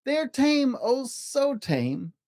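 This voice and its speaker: A man puts on a mischievous storybook cat, breezy and coaxing. The delivery is showy and very animated, swinging up and down in pitch, with a dry, close sound. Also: slow, no room sound, heavily acted. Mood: breezy, reassuring. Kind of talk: children's storybook character voice.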